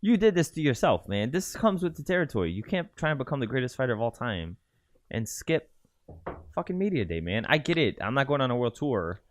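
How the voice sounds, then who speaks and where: A young man co-hosting a casual sports podcast, ranting with blunt profanity and animated questions. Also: medium pitch, a little fast. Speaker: podcast co-host.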